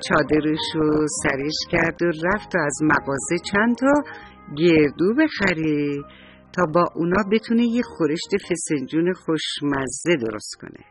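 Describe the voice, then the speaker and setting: A man narrating a children's bedtime story, gentle and affectionate, and talking straight to the kids. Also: a little high.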